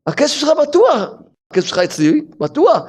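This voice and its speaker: A man's voice: extremely high pitch, huge pitch swings, a little mellow, pitched above the performer's own voice, heavily acted. A man acting out a brash, indignant debtor who refuses to pay and scolds his creditor. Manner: indignant, mocking reassurance.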